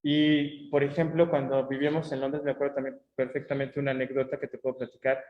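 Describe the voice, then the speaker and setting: A man's voice: mid-range voice, level tone, quick pace. Chatty Mexican man, echoey lo-fi lecture. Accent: Mexican Spanish. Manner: chatty, frequent tag questions and fillers. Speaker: conference speaker. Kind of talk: conversational lecture with anecdotes. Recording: echoey, dull lo-fi room audio.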